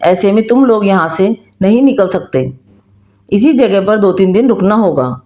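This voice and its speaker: A crafty, crooked male clerk from a folk tale who bosses people around with threats, as a woman narrator voices him. The voice sits at a middle pitch. The sound is roomy and a little muffled. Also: expressive, normal speed, dark tone, lightly acted. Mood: bossy. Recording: roomy, slightly dull recording.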